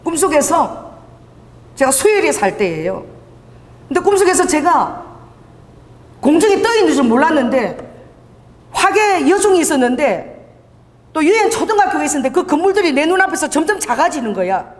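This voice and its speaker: A middle-aged woman pastor preaching a sermon, telling stories with lively delivery and acting out dialogue. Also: high voice, normal speed, pauses often. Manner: animated storytelling, acting out dialogue. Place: church sanctuary. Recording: church hall reverb.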